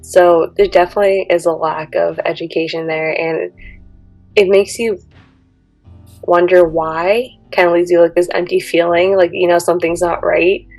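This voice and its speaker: A woman in her twenties talks casually and fills her speech with "like." Her slightly low voice has a gravelly edge. The sound is dry and close, with faint guitar behind. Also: steady tone, normal speed, a little mellow, no room sound, rough recording. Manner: chatty, with lots of "like". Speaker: graduate student interviewee. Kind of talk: casual interview answer.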